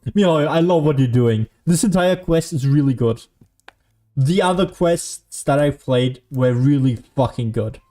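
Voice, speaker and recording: With a dark, mid-range voice and a measured pace, a young male game streamer talks through his play casually. He mulls things over, argues out loud and curses now and then, with game music behind him.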